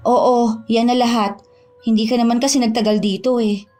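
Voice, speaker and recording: A woman's voice: a little high, fairly even intonation, normal speed, warm tone, lightly acted. An actress playing a caring but reproachful sister who worries about her brother. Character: protective younger sister, wary and hurt. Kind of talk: audio drama acting. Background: music.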